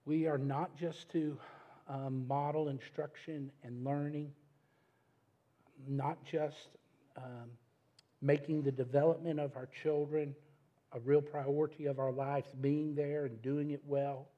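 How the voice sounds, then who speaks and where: A man's voice: fairly high pitch, level tone, slow, lo-fi sound. A middle-aged man preaching a sermon as pastor, speaking emphatically and directly to his congregation.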